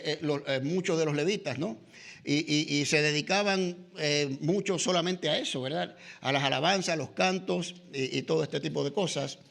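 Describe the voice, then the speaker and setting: Middle-aged man with a Latin American Spanish accent, church Bible class teacher, conversational, pitched high. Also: creaky, a bit bright. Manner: conversational, frequent "¿verdad?" and "¿no?" tags, filler "eh".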